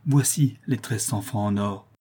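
A man's voice: lowish voice, measured pace, dark tone, slightly rough. A man voicing a frightened young clerk who pleads and stammers before his employer. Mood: pleading.

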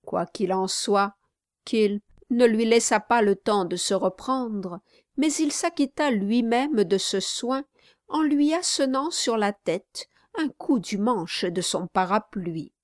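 A woman narrating a classic novel in a measured, even storytelling manner. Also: mid-range voice, no room sound, clean studio sound. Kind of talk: audiobook narration.

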